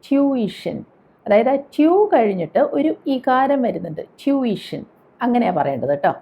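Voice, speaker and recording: Woman teaching pronunciation slowly, lo-fi sound. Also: medium pitch, big pitch swings, gravelly. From Kerala, India. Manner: slow, careful repetition of example words. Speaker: English teacher. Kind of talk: pronunciation lesson.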